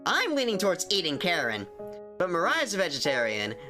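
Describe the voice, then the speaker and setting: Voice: mid-range voice, wildly swooping pitch, fairly quick, pushed and bright, soft background music. A game streamer chatting casually with viewers during a playthrough, making sweary, joking asides.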